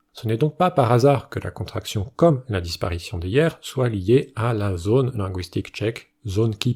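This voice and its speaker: Husky-voiced man narrating a lecture. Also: fairly low pitch, dark tone. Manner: measured, explanatory delivery. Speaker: channel host. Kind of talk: scripted educational narration.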